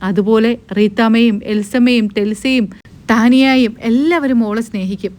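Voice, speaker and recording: A woman voicing a kindly old grandfather, slow and soothing as he reassures a grieving girl. The voice stays gentle and warm-hearted even though it sits a little high. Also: natural voice.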